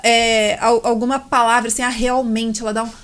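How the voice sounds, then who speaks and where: A woman with a Brazilian Portuguese accent hosts a podcast conversation, enthusiastic and full of little tag questions. Her voice sits a bit high. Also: level tone, normal speed, fairly bright tone. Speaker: podcast host. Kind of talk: conversational interview.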